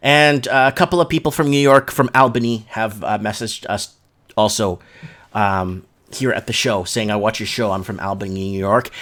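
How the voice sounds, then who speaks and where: A live show host, this man speaks with a fairly low, slightly bright voice at a moderate pace. He runs a casual livestream, rambling along in informal, slangy talk while chatting and reading comments and news out loud.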